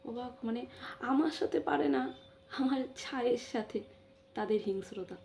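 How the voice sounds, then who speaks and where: A middle-aged woman pours out an impassioned personal monologue, circling back to phrases and punctuating them with quick affirmations. Her voice sits fairly high yet sounds mellow and dark in tone, with a gravelly, fry-laden texture. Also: a little hiss or hum. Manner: impassioned, repetitive, frequent affirming interjections. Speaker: vlogger.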